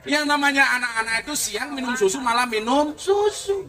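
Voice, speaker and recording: A man with a very high-pitched voice and lively intonation preaches a comic sermon a little fast. He tells stories full of playful jokes and asides, captured by a distant mic with faint noise.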